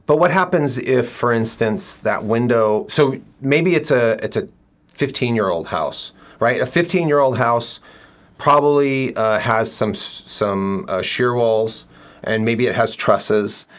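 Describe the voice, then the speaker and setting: A middle-aged builder who also hosts a show sits indoors in an office, interviewing a guest with conversational questions full of fillers. He speaks in a mid-range voice at a measured pace.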